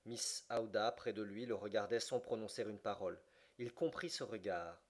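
A man narrating an audiobook of a classic novel, slowing down for the dramatic passages. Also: lowish voice.

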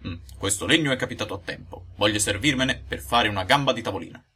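A man's voice: lowish voice, fast, sharp tone, slightly rough, exaggerated voice. A man voicing an easily frightened old carpenter in an audiobook, trembling and stammering as he talks. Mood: muttering. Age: older. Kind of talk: audiobook character voice.

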